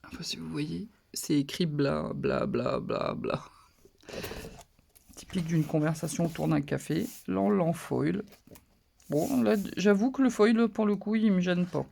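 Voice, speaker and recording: A papercraft channel host chatting casually through a haul of paper pads, relaxed and hesitant. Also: medium pitch, moderate pace, creaky, slight background noise. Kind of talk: casual haul show-and-tell.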